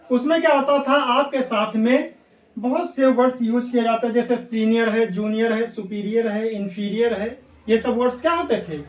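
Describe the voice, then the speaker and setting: A man's voice: very high-pitched, darkish tone, distant mic. A man teaching English grammar for competitive exams, repeatedly asking questions and answering them himself. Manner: repetitive, asks students questions and answers them. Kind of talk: classroom lecture for exam prep. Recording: echoey room, voice away from mic.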